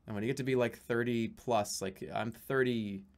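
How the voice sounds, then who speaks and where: Speaking at normal speed in a mid-range voice with vocal fry, a man in his 30s chats casually on a live stream from his small room at home. He rambles, swears, reads out donations and sometimes yells excitedly.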